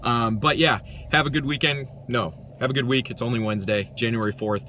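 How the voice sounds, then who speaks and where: A man's voice: medium pitch, brisk, pushed and bright, a little hiss or hum. A man giving an earnest, reflective self-help monologue to camera, rambling a little with restarts. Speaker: vlogger.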